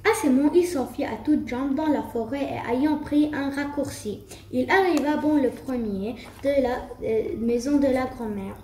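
A woman's voice: high voice, measured pace, hardly any pauses, mellow, distant mic, a little hiss or hum. A woman reading a fairy tale aloud for a school puppet show, with a few restarts. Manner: storybook reading with occasional restarts and fillers. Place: school room. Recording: roomy, faint background ambience.

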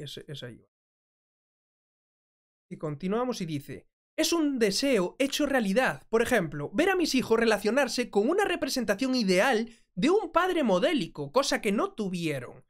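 A woman hosting a commentary video, translating and reacting to clips in a chatty way, often asking "mm?". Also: mid-range voice. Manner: conversational, frequent checking "¿mm?". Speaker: commentary host.

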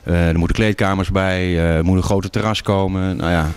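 A man's voice: low-pitched, fairly even intonation, brisk, smooth, dry recording. A man in his fifties from a sponsorship committee, speaking steadily and matter-of-factly with fillers in a casual interview. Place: small indoor café. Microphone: handheld microphone.

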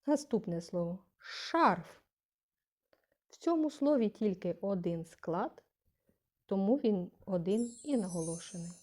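A woman teaching a young class, slow and patient, saying example words aloud with a rising question tone to stress syllables. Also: medium pitch, lively intonation, mellow. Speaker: primary school teacher. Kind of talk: scripted lesson narration.

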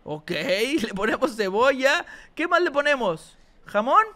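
A woman hosting a let's-play video, playing alongside her young child, who gets excited and shrieks in alarm at the game and talks straight to her viewers. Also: high voice, a little slow. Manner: addresses viewers directly. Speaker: gaming channel host.

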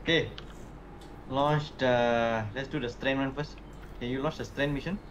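A man's voice: mid-range voice, fairly even intonation, moderate pace, highs cut off. A man talking casually with a teammate in short, questioning phrases during an online game. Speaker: gamer playing online co-op. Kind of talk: casual gaming chat. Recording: clear noise behind the voice.

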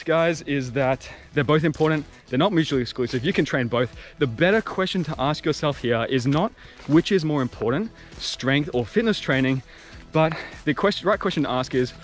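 A young man, an archery coach walking a bush trail after a run and chatting casually to his viewers. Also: fairly high pitch. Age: young adult. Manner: upbeat, conversational, addresses viewers as guys. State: just back from a run, walking. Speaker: archery coach and channel host. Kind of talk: casual walk-and-talk vlog. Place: outdoors on a wooded bush trail. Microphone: camera held at arm's length.

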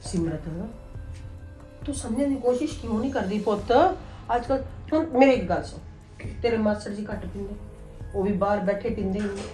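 A woman's voice: medium pitch, a little fast, dark tone, lightly acted. An actress playing an older aunt who coaxes and scolds her niece. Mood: coaxing. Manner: coaxing, scolding. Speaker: actor. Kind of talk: family drama acting. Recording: echoey room with music underneath.

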